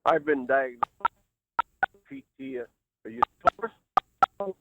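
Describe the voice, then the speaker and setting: A man's voice: on the high side, sing-song, unhurried, gravelly, very noisy. A man calling in to a talk show on a choppy cell phone line that keeps breaking up, repeating himself and checking if anyone is still there. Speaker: caller. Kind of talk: call-in talk radio.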